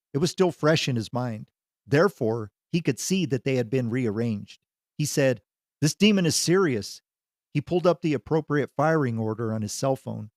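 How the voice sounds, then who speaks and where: A man narrating a story in an even, measured reading voice. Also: mid-range voice, no room sound, clean studio sound.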